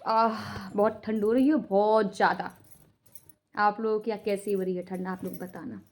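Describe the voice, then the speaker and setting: A young woman venting emotionally in a casual home vlog, often speaking quietly while cooking in her kitchen. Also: mid-range voice, fairly even intonation, moderate pace. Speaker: vlogger, single mother.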